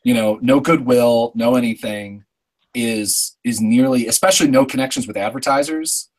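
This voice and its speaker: A man's voice: mid-range voice, moderate pace, a little mellow, rough recording. A man, a longtime journalist, speaking on a discussion panel in a conversational way and arguing his points at length.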